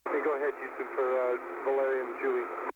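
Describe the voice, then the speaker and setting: A man's voice: mid-range voice, little pitch movement, fast. Astronaut man on a noisy, narrow radio link. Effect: radio transmission. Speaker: astronaut on board, answering mission control. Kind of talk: astronaut radio exchange, terse procedural replies. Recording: noisy, telephone-like space-to-ground radio link.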